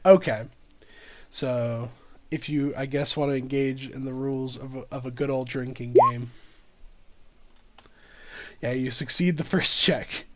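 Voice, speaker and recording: Man, game master, chatty, laughs often, mid-pitched voice. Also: steady tone, unhurried, pauses often, a bit bright, slight background noise. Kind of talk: narrating a tabletop game.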